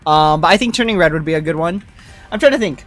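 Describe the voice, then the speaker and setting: Game music plays behind a streamer who talks quickly and animatedly in a mid-range, slightly bright voice, chatting casually and thinking aloud during livestream gameplay commentary.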